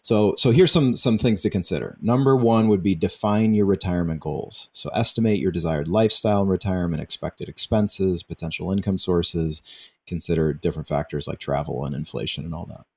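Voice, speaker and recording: A man with a very low voice walks listeners through planning steps on a radio advice program. He talks in a relaxed, conversational way, laughing lightly and often restarting a word mid-sentence. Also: brisk, gravelly. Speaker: financial advisor guest. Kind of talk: radio show advice talk.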